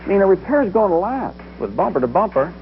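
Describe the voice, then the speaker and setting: A man's voice: high-pitched, very animated, quick pace, a little hiss or hum. An actor playing a plain-spoken father and business owner in a conversational, homespun commercial. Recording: dull lo-fi TV ad with music.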